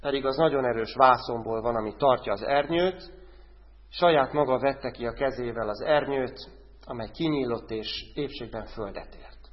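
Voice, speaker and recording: A male preacher delivers a sermon, repeatedly putting direct questions to his listeners and alternating between loud, urgent lines and hushed ones. His voice is mid-range, and the audio sounds dull with a long hall echo.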